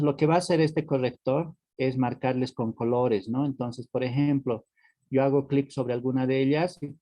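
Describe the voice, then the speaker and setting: A man's voice: mid-range voice, dark tone, no echo. A male teacher giving an online class, explaining patiently and checking in with "¿no?" and "¿sí?" after almost every phrase. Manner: patient, explanatory, repeats words as he goes.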